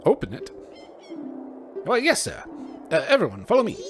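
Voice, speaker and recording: A man's voice: high voice, huge pitch swings, normal speed, music in the background, pitched above the performer's own voice. A man voicing an eager, deferential undead skeleton soldier from a video game in a put-on skeleton voice. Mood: obedient, eager.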